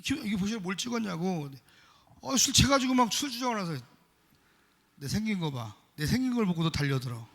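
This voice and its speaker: A middle-aged man preaches from the pulpit in a high, bright voice with a gravelly edge. He swings between loud exhortation and quiet, confessional storytelling. A long church reverb trails each phrase. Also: sing-song, fast. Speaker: pastor. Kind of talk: sermon. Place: church sanctuary.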